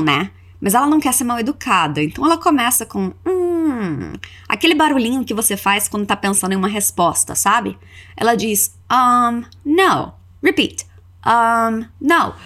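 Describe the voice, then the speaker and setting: A woman with a lively, high-ish voice gives an English lesson for Portuguese speakers. Her explanations run quickly, while her model phrases come slow and stretched out for learners to repeat. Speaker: English teacher.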